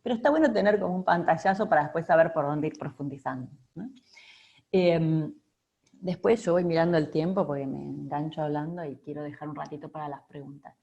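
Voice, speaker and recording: Argentine woman w a low voice talking on a video call, chatty, lots of "eh" and "no?". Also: brisk, creaky, a little mellow, highs cut off. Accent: Argentine Spanish. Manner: conversational, frequent fillers and tag questions. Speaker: speaker on emotional intelligence. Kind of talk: online talk to an audience.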